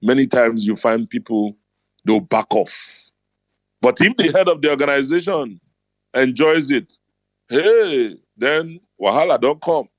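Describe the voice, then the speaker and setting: A man's voice: medium pitch, expressive, unhurried, no echo. A middle-aged man with a Nigerian accent, hosting a motivational talk and telling his stories bluntly and emphatically. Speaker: host.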